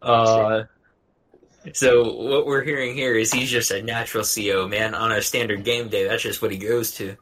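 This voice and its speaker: A man's voice: lowish voice, little pitch movement, moderate pace, a bit bright. A man hosting a casual podcast, prompting his guests with questions and upbeat asides. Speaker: podcast host. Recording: dull lo-fi audio.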